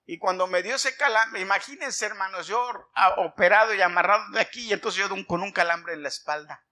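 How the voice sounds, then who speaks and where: A middle-aged male pastor preaching with a very bright, sharp edge to his voice and a pitch that sits a little high. He tells a personal testimony in an animated way and keeps calling out to the congregation as brothers. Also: brisk.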